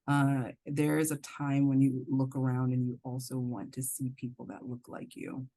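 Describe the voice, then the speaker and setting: A middle-aged woman from the Bahamas speaks as a professor on a podcast. Her voice is dark and mellow, her delivery earnest and measured, with many ums and so's as she gathers her thoughts. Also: extremely low pitch, completely flat delivery. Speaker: anatomy professor, guest. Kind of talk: podcast interview.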